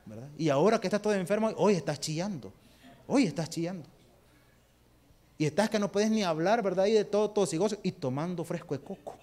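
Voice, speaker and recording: Preaching with a Salvadoran Spanish accent, this man poses rhetorical questions to the congregation, addresses them as brother, and uses everyday examples. He speaks quickly with few pauses, in a high-pitched, darkish voice.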